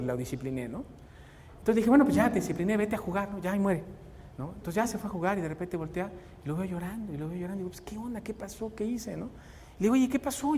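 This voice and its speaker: A man's voice: high voice, darkish tone. A middle-aged man with a Mexican accent gives a church talk, moving between homely anecdotes and pointed questions to his listeners. His voice carries a long reverb from a large hall. A faint noise sits under the recording.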